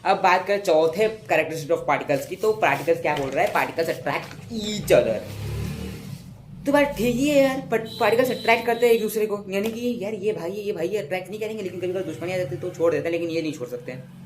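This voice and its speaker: A young man teaches a science lesson in a loose, talkative way. His voice sits a little high, and he often repeats words, stumbles over terms and corrects himself. He acts out sounds to make his points. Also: expressive, brisk, background noise. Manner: chatty, repeats words, self-corrects, uses sound effects. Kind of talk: casual classroom explanation.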